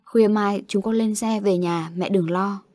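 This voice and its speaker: A woman voicing a young girl in an audio story, who murmurs a soft prayer to her mother. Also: medium pitch, fairly even intonation, a little slow, no echo, studio quality, close to an everyday voice. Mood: hushed.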